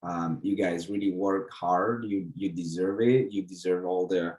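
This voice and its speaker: A man with a thick Italian accent, a coding bootcamp instructor giving halting, grateful closing remarks to his class. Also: sits low, steady tone, a little mellow, poor audio. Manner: halting, many fillers, grateful.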